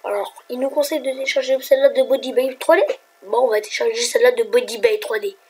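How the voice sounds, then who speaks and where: This tutorial vlogger talks fast in a slightly high voice, thinking aloud as she rambles casually over her screen recording. She drops whispered asides and bursts into sudden excitement, on a low-quality recording with some hiss or hum.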